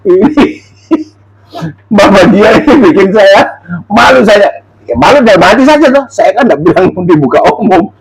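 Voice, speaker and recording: A man preaching informally, reading Bible verses and acting out quotes in an animated way. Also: sits high, measured pace, poor audio. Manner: animated, laughs often, acts out quotes.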